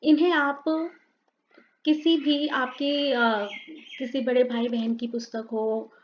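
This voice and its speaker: A woman teacher giving a grammar lesson to students, reading word lists aloud slowly and deliberately. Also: high voice, flat delivery, slight background noise. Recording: dull lo-fi sound.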